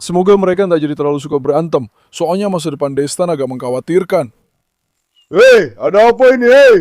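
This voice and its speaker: A man's voice: fairly high pitch, lively intonation, brisk, a little mellow, dry recording, studio quality. A man hosting a farm vlog, speaking affectionately to his dogs and calling out repeated commands to them. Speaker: dog breeder and farm owner. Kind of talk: casual vlog narration.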